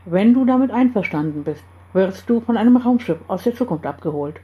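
A woman reading aloud and voicing the calm, serious male leader of a secret group. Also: medium pitch, brisk, lo-fi sound, slight background noise, natural voice. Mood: grave.

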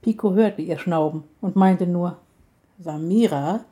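Female storyteller for a children's tale: mellow tone, calm measured reading. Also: medium pitch.

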